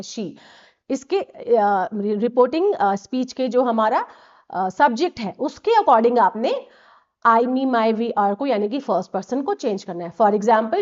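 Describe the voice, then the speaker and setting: A woman teaches English grammar in a patient, explanatory way and keeps checking that the students are following. Her voice sits a little high. The recording sounds dull and lo-fi. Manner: patient, repeats checks like "right?"; mixes Hindi with English terms. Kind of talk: explanatory lesson.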